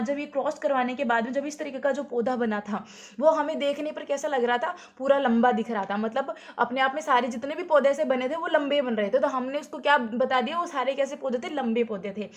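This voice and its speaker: A woman teacher explaining at a whiteboard, asking herself questions and answering them, and repeating key points. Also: sits high. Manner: asks rhetorical questions then answers them. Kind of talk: whiteboard lesson.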